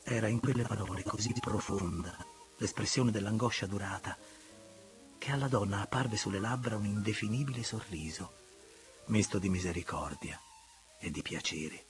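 Male narrator, lowish voice, measured literary reading with hushed moments. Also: faint music behind. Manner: measured, expressive, at times hushed. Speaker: audiobook narrator.

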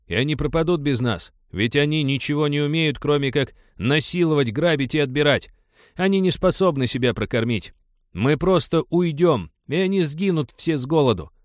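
A man's voice: on the high side, dry recording, studio quality, voice pushed up, close to an everyday voice. A man voicing a male village agitator who urges and pleads with a crowd, in an audiobook. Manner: urgent, pleading.

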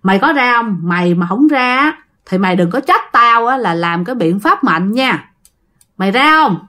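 A woman's voice: on the high side, expressive, moderate pace, bright, forceful tone. A woman voicing a stern older female exorcist who scolds and gives harsh commands. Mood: scolding.

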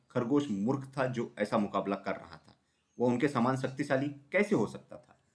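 Man, storyteller, children's story narration, expressive, middle pitch.

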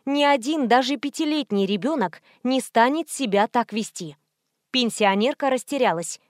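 A woman narrating a first-person audiobook in a lively, wry storytelling manner. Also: on the high side, moderate pace, no echo, studio quality.

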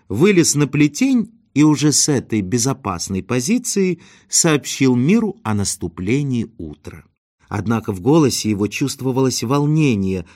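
A man reading an audiobook aloud in an expressive storytelling style. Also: medium pitch, no echo, studio quality. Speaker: audiobook reader. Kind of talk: audiobook narration.

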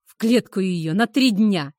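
A woman voicing a furious male werewolf pack leader who shouts and snarls threats. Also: medium pitch, expressive, a little slow, dry recording, studio quality, natural voice.

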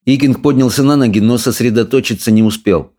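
A man's voice: medium pitch, warm tone. Male narrator reading a children's book. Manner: measured, storytelling. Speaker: audiobook narrator. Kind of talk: scripted narration.

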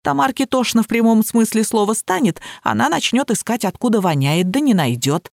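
A woman reading the part of a fussy old housekeeper who grumbles and gets easily excited. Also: on the high side, fairly quick, vocal fry, dry recording, studio quality. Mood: grumbling.

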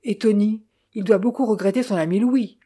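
Fields: Figure: woman reading as an elderly lady doctor. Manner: courteous, measured. Tone: mellow. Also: mid-range voice, husky, natural voice. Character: elderly woman doctor, kind but insistent.

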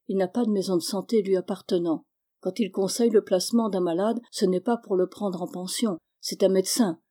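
A woman reading a novel aloud in a steady, measured way. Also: mid-range voice. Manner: steady, measured reading, rising for emotional lines. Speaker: audiobook reader.

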